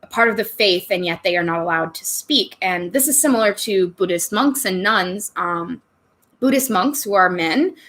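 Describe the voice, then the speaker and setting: A woman's voice: medium pitch, expressive, normal speed, fairly bright tone. A woman hosting a casual livestream, chatting with viewers and answering their questions with frequent laughter while sipping wine. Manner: giggly, chatty, laughs often between answers; sips wine on stream and jokes about getting tipsy. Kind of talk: casual live chat.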